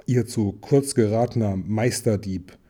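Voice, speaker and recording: A man reading aloud and voicing a proud, furious male dwarf king who shouts with contempt. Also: lowish voice, a little slow. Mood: angry.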